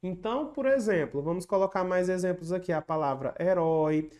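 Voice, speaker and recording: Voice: medium pitch, a little fast, a little mellow. An exam-prep teacher giving an online lesson, patiently explaining each point, repeating the key rules and chanting little rhyming memory tricks.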